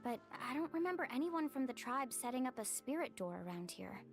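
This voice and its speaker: Upbeat high-voiced young adventurer woman. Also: sing-song, brisk, soft background music. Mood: thoughtful. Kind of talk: scripted game dialogue.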